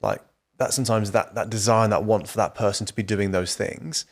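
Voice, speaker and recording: A young man talks on a podcast in a hesitant, halting way, with many restarts. His voice sits fairly low. He sounds relaxed and conversational. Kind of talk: casual conversation.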